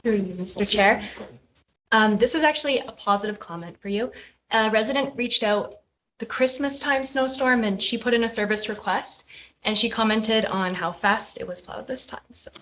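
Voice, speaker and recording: A woman's voice: on the high side, moderate pace, fairly bright tone, slight background noise. A woman councillor addresses the chair formally and passes on a friendly comment. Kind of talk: council remarks.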